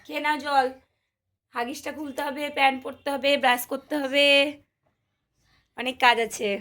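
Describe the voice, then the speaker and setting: A woman's voice: sits high, steady tone, moderate pace, a bit bright. A woman chatting casually to her viewers in a home family vlog, coaxing her small children along the way. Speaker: mother and family vlogger. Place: at home, bedroom then rooftop.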